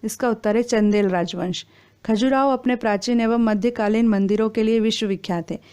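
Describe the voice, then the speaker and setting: A woman reading exam quiz questions and their answers in a steady, formal recitation. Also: fairly high pitch, brisk, clear, resonant tone.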